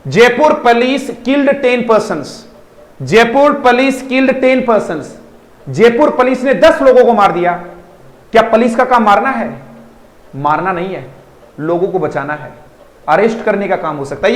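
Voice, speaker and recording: A man's voice: high voice, expressive, moderate pace, roomy sound, rough recording. A man teaching an online English class, speaking emphatically, repeating words to drill pronunciation, and checking in with students as he goes. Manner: addresses students fondly and asks checking questions.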